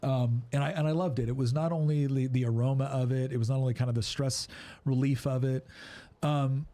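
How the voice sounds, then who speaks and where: A man's voice: mid-range voice, fairly even intonation, a little fast, mellow. A middle-aged man giving marriage advice in a casual podcast chat, earnest and rambling with many restarts.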